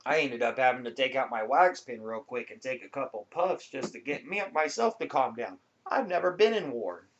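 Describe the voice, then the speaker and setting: A man's voice: mid-range voice, animated, normal speed, few pauses, a bit bright. A man talking casually to viewers as a vlogger, explaining things in a laid-back, rambling way. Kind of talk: casual informal talk to viewers. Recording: dull lo-fi sound.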